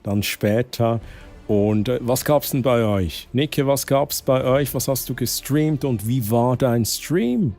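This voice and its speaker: A man's voice: medium pitch, slow pace, darkish tone, soft background music. A young man from Switzerland with a Swiss German accent, chatting casually to his chat while gaming, often dropping English exclamations. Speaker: streamer.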